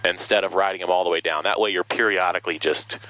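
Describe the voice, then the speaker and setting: A man's voice: low voice, steady tone, quick pace, sharp tone, rough recording. A man working as a flight instructor, patiently explaining procedures over a headset in a small plane cockpit. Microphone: aviation headset intercom.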